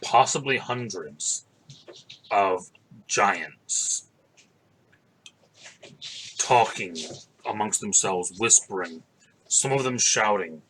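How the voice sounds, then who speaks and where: Casting: middle-aged man, game master narration, lowish pitch, slow and forceful, home video-call sound. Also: animated, slight background noise, low-quality recording.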